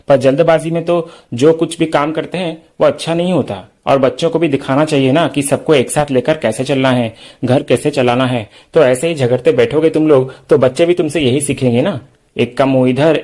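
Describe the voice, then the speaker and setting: A wise old grandmother lectures her family with gentle scolding, as a man reads her lines. The voice is moderately high, steady and advising. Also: natural voice.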